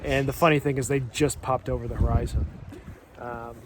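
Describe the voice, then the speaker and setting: Man vlogging over clear boat noise. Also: mid-range voice, fairly even intonation, normal speed. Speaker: sailing vlogger. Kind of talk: casual narration to camera. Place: outdoors on a sailboat under way. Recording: loud boat and water noise.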